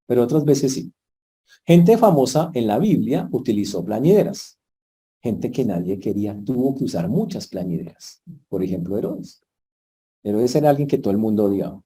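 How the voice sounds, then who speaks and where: Animated pastor with dark voice. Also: male voice, medium pitch. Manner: animated storytelling, sudden loud peaks and soft asides. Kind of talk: sermon.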